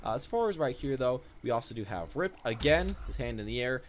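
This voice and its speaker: A young man with a medium-pitched, animated voice talks slightly fast as he shows off items in a video game. The gaming video creator's commentary is casual and off the cuff, and there's noticeable background noise.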